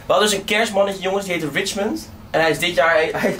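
A man's voice: high-pitched, fairly even intonation, fast, a bit bright, echoey room, slight background noise. A young man chatting casually to his viewers in a vlog, rambling and addressing them directly. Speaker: vlogger. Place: indoors at home.

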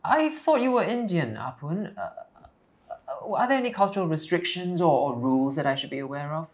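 Actor as gentleman tutor from England, polite, hesitant, formal phrasing, animated pitch, comedy series. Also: normal speed. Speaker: English tutor. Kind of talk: scripted comedy series dialogue.

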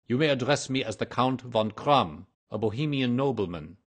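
A man playing a pompous, husky Bohemian king. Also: mid-range voice, lively intonation, normal speed, voice pushed up, close to an everyday voice. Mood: haughty. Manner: formal, pompous, emphatic. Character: proud, agitated, aristocratic Bohemian king in disguise.

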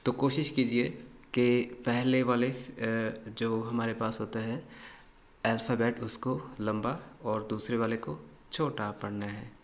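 A man leads a phonics lesson at a very slow, unhurried pace in a mid-range voice. He says each model word several times over and leans hard on the stressed syllables. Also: medium pitch, fairly even intonation. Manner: deliberate, repeats words to model pronunciation; exaggerated stress on model words. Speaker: English teacher.

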